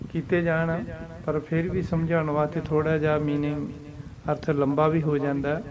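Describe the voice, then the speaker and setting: A man with a Punjabi accent teaching the correct recitation and meaning of scripture, speaking slowly and deliberately and adding English glosses. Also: on the high side. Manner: slow and deliberate, chants scripture lines, mixes in English glosses. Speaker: Gurbani teacher. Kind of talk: slow religious lesson on recitation.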